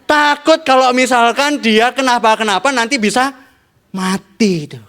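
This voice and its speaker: A male pastor telling a funny story in a sermon, playful, animated, and turning often to the congregation. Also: very high-pitched, moderate pace, smooth.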